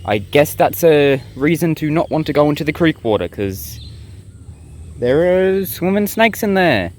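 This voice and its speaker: Out in the bush with insects buzzing behind his handheld recording, this sick young bushcraft vlogger speaks a little high and a little slow. Blocked nose and sore throat aside, he stays relaxed and rambling, addressing viewers directly.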